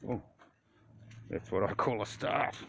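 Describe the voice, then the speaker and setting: Low-voiced man with broad Kiwi accent, noisy recording. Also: measured pace. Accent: broad New Zealand. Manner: laconic, slangy, sweary. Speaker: vlogger. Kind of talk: casual phone vlog chat. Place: mostly outdoors, some in a car. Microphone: handheld phone at arm's length. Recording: wind and traffic noise on phone mic.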